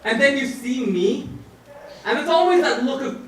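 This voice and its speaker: A young man doing a stand-up set on stage, rambling and stammering with sudden shouted outbursts. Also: extremely high pitch, expressive, moderate pace, a little hiss or hum. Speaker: stand-up comedian. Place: comedy stage in front of a live audience. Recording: echoey room, mic heard from a distance.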